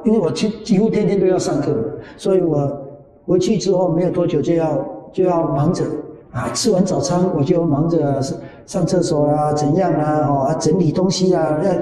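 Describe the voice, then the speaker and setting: Male monastic teacher, casual dharma talk, high animated delivery, dark mellow timbre, boomy distant hall sound. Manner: animated, repeats phrases, often ends lines with drawn-out particles. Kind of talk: conversational dharma talk with personal anecdotes. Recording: echoey hall, voice from far off the mic.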